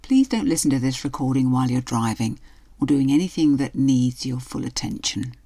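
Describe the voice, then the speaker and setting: A woman hypnotherapist narrating a guided relaxation in a soothing, hushed delivery that trails softly toward a whisper. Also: extremely low pitch, expressive, normal speed. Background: music.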